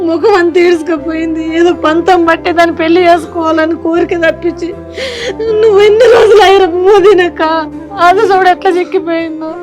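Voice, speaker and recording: A woman plays a middle-aged village mother, tender and tearful, who sobs, pleads and laments over her married son. Her voice sits high with fairly even intonation and a natural quality, and she speaks at normal speed over background music.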